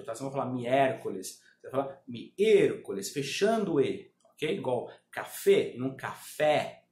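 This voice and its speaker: A man's voice: mid-range voice, a little mellow, roomy sound. A man teaching a Spanish lesson online, speaking to viewers and having them repeat words after him. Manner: drills pronunciation, asks viewers to repeat.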